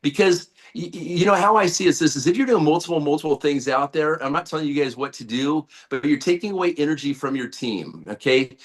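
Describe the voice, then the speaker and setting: Rambling man pitching on a call. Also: expressive, fast, few pauses. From United States. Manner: rambling, many fillers and restarts, hype-driven. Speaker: guest, network-marketing leader. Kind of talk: sales pitch on a group call. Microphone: video call.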